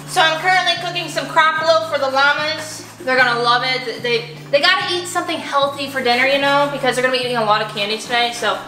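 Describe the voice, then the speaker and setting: A high-voiced woman hosts a playful pretend-play vlog, talking excitedly to her toy llamas. She gasps and exclaims as she goes. The room is echoey, and music plays behind her. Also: fast, hardly any pauses. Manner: animated, gasping and exclaiming to her pets.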